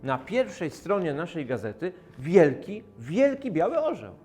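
An actor playing a proud, moved newspaper editor of long service in a historical drama, with solemn, exalted declamation. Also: male voice, a little high, big pitch swings, measured pace, a little mellow, soft background music. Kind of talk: theatrical historical audio drama.

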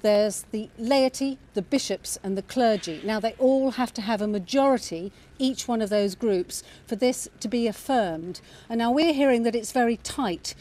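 A woman's voice: fairly high pitch, darkish tone. A middle-aged woman correspondent reporting live from a city street, with many hesitations and restarts. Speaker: news correspondent.

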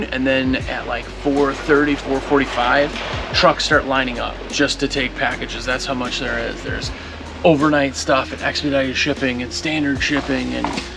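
Guy in his 30s with a gravelly voice, laid-back, talking in a warehouse with music under it. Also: mid-range voice, moderate pace. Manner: relaxed, conversational. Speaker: co-host, company employee. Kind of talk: casual chat. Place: large warehouse.

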